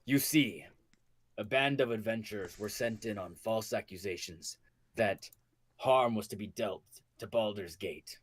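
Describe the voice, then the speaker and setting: A man voicing a deceitful, smooth-talking male adventurer with a low, oily, mock-polite manner. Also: a little slow. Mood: scheming.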